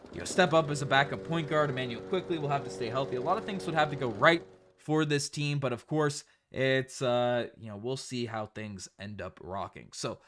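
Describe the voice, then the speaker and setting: A man's voice: mid-range voice, fairly bright tone. A man from Canada with a light Newfoundland accent, hosting a casual sports livestream and often repeating phrases for emphasis.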